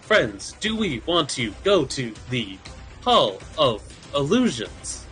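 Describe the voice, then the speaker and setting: A man putting on a robot voice for a formal, measured construct character in a tabletop game. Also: medium pitch, sing-song, a bit bright, soft background music. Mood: probing. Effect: robot voice put on by mouth, no filter.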